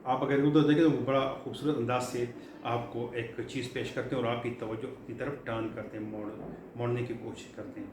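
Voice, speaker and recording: A man's voice: mid-range voice, level tone. A middle-aged man from Pakistan teaching English vocabulary in a classroom lecture style, explaining patiently and repeating key words with frequent fillers. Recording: echoey room, faint background hum.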